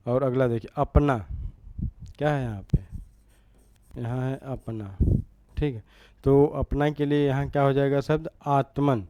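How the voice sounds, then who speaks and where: A man's voice: medium pitch, fairly even intonation, a little slow, pauses often, mellow, smooth, no room sound. A man teaching an exam-prep grammar lesson, repeating each word and asking rhetorical questions as he writes.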